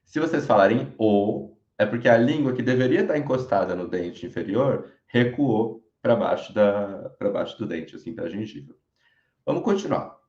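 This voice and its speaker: A Brazilian man teaching French in an online lesson, speaking clearly and modelling each sound slowly so learners can repeat it. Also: fairly low pitch, animated, darkish tone. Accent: Brazilian Portuguese. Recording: roomy, dull lo-fi recording.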